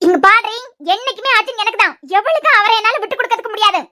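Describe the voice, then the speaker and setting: A woman voicing feuding young cartoon women, shrill and quick. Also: pushed and bright. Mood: arguing. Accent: Kanyakumari Tamil. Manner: heated, reproachful arguing. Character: quarrelsome young women in a family feud. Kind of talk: cartoon dialogue acting.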